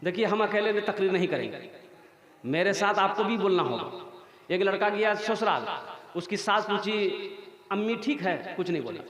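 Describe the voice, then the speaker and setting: A man's voice: high-pitched, lively intonation, moderate pace, a bit bright. A male preacher giving a humorous sermon, telling comic village stories and calling on the audience to answer. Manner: storytelling, acts out village voices, draws audience responses. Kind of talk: humorous Urdu sermon with sung refrains. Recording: echoey hall with crowd.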